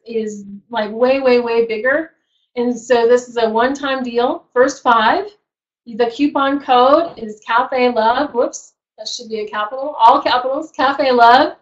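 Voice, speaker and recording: A woman with a fairly high voice pitches a membership to a roomful of people, repeating herself with gusto. She keeps clearing her throat as her voice wears thin. The recording is muffled and lo-fi. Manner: enthusiastic, repetitive, pitching. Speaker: host of a women's business group. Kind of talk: sales pitch and closing prayer to an audience. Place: event room with a live audience.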